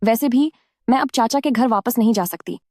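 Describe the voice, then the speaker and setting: An actress playing a soft-spoken, polite young heroine in a dubbed drama. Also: female voice, a little high, normal speed, no room sound, studio quality, natural voice.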